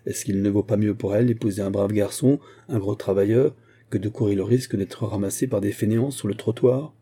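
A man reading the part of a calm, self-assured department store owner with an even delivery. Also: on the low side, fast talker, slightly rough.

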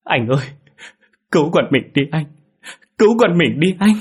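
A man's voice: on the low side, fairly quick, husky. A man voicing a frightened, fiercely protective pregnant young wife who pleads and sobs in panic. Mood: terrified.

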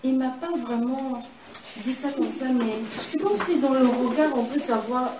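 Animated woman telling a story, roomy and distant. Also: sits high, normal speed, a loud crowd. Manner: animated, repeats and restarts phrases, acts out her reactions. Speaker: guest sharing a testimony. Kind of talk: conversational storytelling. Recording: roomy, distant mic, steady background noise.

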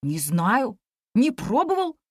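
A woman voicing an excitable, boastful monkey boy in a storybook reading, often whispering eagerly. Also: fairly high pitch, slow, no room sound, studio quality, heavily acted.

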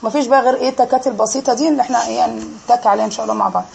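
A woman's voice: fairly high pitch, fairly even intonation, very fast, vocal fry, darkish tone, a little hiss or hum. A woman with an Egyptian accent teaching an Arabic grammar lesson in a classroom, quizzing her students and drilling them on each answer.

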